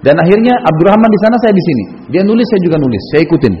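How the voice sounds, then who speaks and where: A man's voice: sits high, sing-song, rapid-fire. A man preaching a sermon, telling personal stories in a casual, conversational way. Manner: casual, anecdotal, frequent conversational tags. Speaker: Islamic preacher. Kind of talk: storytelling sermon. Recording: echoey hall, dull lo-fi sound.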